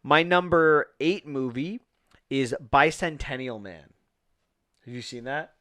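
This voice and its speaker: Taking his time, a medium-pitched man with a slightly bright voice joins in on a movie podcast as co-host. His casual review chat is enthusiastic and rambling, with lots of restarts.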